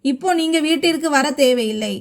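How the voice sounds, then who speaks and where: A woman voicing a scheming, stubborn grown daughter who talks in a sharp, insistent way in a storybook reading. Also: sits high, normal speed.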